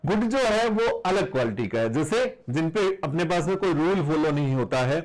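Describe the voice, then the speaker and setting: A man's voice: a little high, expressive, normal speed, a little mellow, low-quality recording. A man teaching a grammar lesson to beginners, patiently repeating each rule and asking the class rhetorical questions.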